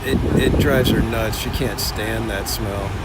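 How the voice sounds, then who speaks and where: A man's voice: lowish voice, fairly even intonation, unhurried. A man hosting a live stream with chatty, informal talk. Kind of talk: casual live-stream chat. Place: outdoors, on and around a tram. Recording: loud outdoor vehicle noise.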